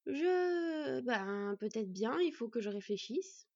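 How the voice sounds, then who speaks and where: A woman's voice: fairly high pitch, expressive, slow, darkish tone, muffled recording, heavily acted. A woman reading an audiobook, voicing an eager, naive teenage boy who talks with enthusiasm and candor. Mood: hesitant. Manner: candid, enthusiastic.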